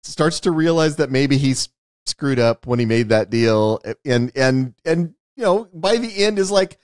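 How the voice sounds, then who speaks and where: Here a male film-podcast co-host explains his views emphatically at a measured pace, frequently rephrasing, his mid-range voice full of lively intonation. It's a studio-quality recording with no room sound.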